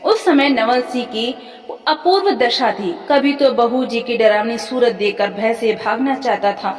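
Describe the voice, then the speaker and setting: A woman storyteller giving a measured, expressive scripted narration of a story. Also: fairly high pitch. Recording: echoey hall from far off, faint music.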